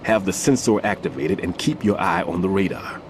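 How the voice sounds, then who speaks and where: An actor voices an older retired bomb disposal expert in a video game, a weary mentor explaining things in a measured, authoritative, instructive way. His low male voice sounds close to everyday speech, with a noisy background.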